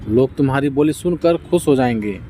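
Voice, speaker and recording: A man's voice: mid-range voice, expressive, fairly quick, mellow, soft background music, close to an everyday voice. A man voicing a simple, hardworking young farmer who talks in a coaxing, kindly way in a storybook tale. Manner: coaxing, wonder-struck.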